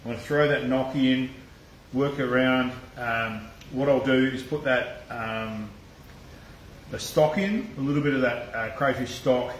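Australian man, mid-pitched voice, laid-back cooking-stream chatter, echoey kitchen. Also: measured pace, slight background noise. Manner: loose, chatty, swears freely, laughs often. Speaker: cooking channel host. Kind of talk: casual live cooking stream, chatting to viewers. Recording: echoey room.

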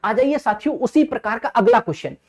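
Fast and animated, a man in his thirties speaks in a very high, darkish voice as he teaches exam maths step by step. He's at a digital board in an indoor teaching studio, repeating points, treating his audience as friends, and checking they've understood.

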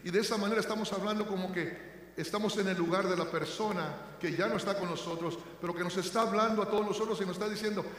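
Older male pastor, high voice, fervent to tender sermon, booming church reverb. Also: steady tone, quick pace. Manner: swings between loud fervent proclaiming and quiet tender storytelling. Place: church sanctuary. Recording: echoey church hall.

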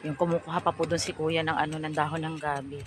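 A middle-aged woman vlogger with a low, level voice talks fast as she walks through a farm field, filming herself on a phone mounted on a selfie stick. Her narration is polite and chatty, peppered with fillers, and heavy background noise surrounds her.

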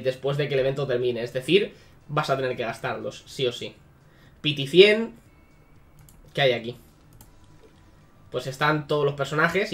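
A man giving casual, sarcastic commentary on a mobile game, swearing freely. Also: mid-range voice. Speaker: gaming YouTuber.

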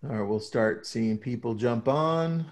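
A man's voice: medium pitch, a little slow. Upbeat joking man hosting a webinar. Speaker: webinar co-host.

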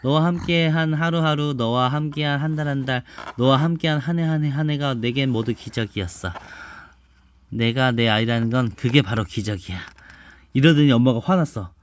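A man reading a picture book aloud to his child at home, gently and softly, stopping now and then to ask the child questions. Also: mid-range voice, normal speed, smooth. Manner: gentle, soft-spoken, stops to chat and ask the child questions. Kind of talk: bedtime storybook reading with asides to a child.

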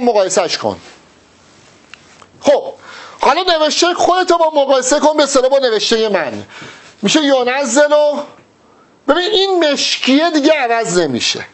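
Teacher: high, animated man, Persian-accented, coaching a student through verb drills. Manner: drills verb forms, addressing the student directly. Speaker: Arabic teacher. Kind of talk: recorded exam-prep lesson.

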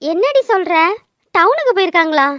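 A woman's voice: very high voice, sing-song, brisk, no echo, dull audio. A woman voicing a frightened schoolgirl in a cartoon, who speaks in a tearful, pleading way. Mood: worried. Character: frightened schoolgirl, older cousin. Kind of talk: cartoon dubbing.

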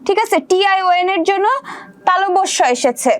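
A woman's voice: very high-pitched, expressive, moderate pace. A woman teaches an exam-prep lesson. She explains each point step by step and keeps asking whether her students follow.

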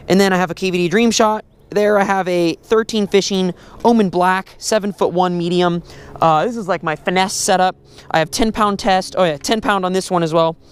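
A young man talking through his fishing gear and catches on a pond shore, chatty and excitable, recorded on a head-mounted camera. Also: sits high, clean tone. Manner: excitable, chatty, with many fillers. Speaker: fishing vlogger. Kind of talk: casual outdoor fishing commentary. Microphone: head-mounted action camera.

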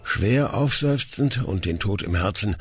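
A man reading a classic German novel in the first person, measured and somber. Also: expressive, over music. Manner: measured, somber, with sighing low drops. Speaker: audiobook reader. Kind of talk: first-person literary narration.

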